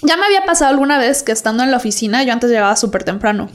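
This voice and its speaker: A young adult woman with a Mexican accent, telling a personal story in a brisk, chatty way among friends. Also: a little high, animated. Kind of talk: casual chat, anecdote telling.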